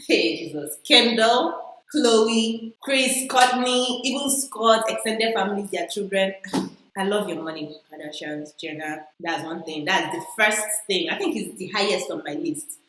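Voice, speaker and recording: Vlogging casually to camera, this woman speaks Igbo-accented Nigerian English strongly and playfully, often repeating things for emphasis. Her medium-pitched voice is a bit bright, and the recording is reverberant and low in quality.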